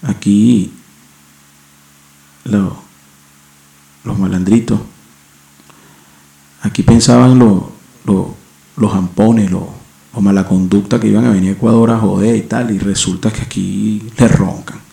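A Venezuelan man talks on in a loose, slangy, profane monologue, often breaking off and starting over. His voice sits low, dark and gravelly. It is recorded on a home mic in a roomy, echoey space. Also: fairly even intonation, a little slow, long pauses. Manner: rambling, slangy and profane, with many restarts. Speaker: podcast host. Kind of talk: casual monologue. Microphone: home microphone setup.

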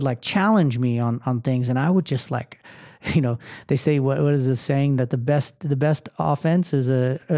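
A man's voice: medium pitch, mellow, no echo, clean studio sound. A man hosting a podcast, telling personal stories in a candid, self-deprecating way and swearing freely. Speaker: podcast host. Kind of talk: casual personal monologue.

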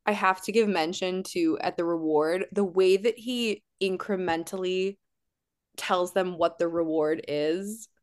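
A woman co-hosting a casual podcast, animated and laughing, often mock-outraged. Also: lowish voice, a little slow. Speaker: podcast co-host.

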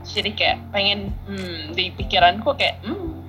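A woman in her thirties telling a childhood story as a podcast co-host, animated and laughing often. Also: medium pitch, a little slow, faint music behind. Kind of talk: casual storytelling chat.

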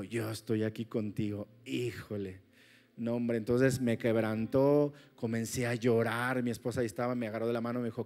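A man's voice: mid-range voice, darkish tone. A man preaching a sermon and telling his own story in an earnest way, with frequent restarts and tag questions. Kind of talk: sermon with personal testimony.

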